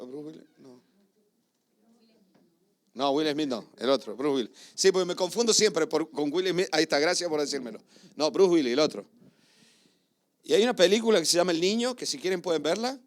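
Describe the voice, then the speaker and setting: A middle-aged man preaches, his voice sitting somewhat high for a man. He tells personal stories with feeling, rising to loud appeals and dropping to hushed asides. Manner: emotional storytelling, swings between loud and hushed. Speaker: pastor. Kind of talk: sermon.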